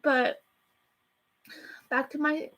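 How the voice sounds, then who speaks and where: High-voiced chatty woman rambling fast. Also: level tone, sharp tone, low-quality recording. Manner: chatty, rushed, self-deprecating, rambling. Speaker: YouTuber reviewing a movie. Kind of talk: casual rambling review. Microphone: camera facing her.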